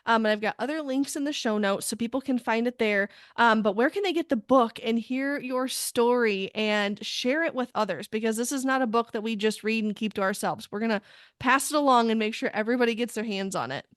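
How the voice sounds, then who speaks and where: A woman's voice: fairly high pitch, fairly quick, dry recording, clean studio sound. A woman hosting a faith-based podcast interview. She talks in a gushing, enthusiastic way with frequent exclamations. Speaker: podcast host.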